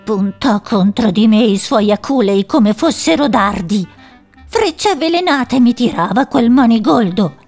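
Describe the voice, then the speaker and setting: A woman's voice: a little high, animated, unhurried, darkish tone, soft background music. A woman voicing a male mouse who tells a scary tale theatrically and with suspense. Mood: suspenseful.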